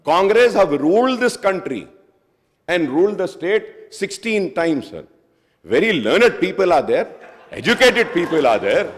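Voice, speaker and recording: A man speaking in a legislative assembly debate, addressing the chair as sir again and again and switching between Hindi and English. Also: high-pitched. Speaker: member of a state legislative assembly. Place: large legislative assembly chamber. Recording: long reverb of a large hall.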